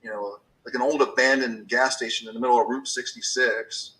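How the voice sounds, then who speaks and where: A man's voice: medium pitch, steady tone, brisk, sharp tone, distant mic, poor audio. A man in his fifties talking casually about business, rambling with many restarts and fillers. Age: 50s.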